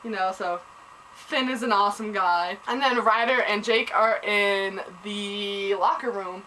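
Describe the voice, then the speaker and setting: A woman's voice: medium pitch, unhurried, a little hiss or hum, poor audio. Gushing young woman recapping TV. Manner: gushing, excitable, lots of "like" and "oh my god". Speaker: TV episode recapper. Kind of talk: casual chat.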